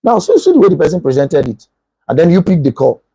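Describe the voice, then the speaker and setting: Husky high-voiced Nigerian pastor. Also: male voice, fast talker, dry recording, low-quality recording. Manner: animated, acts out dialogues. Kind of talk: relationship teaching.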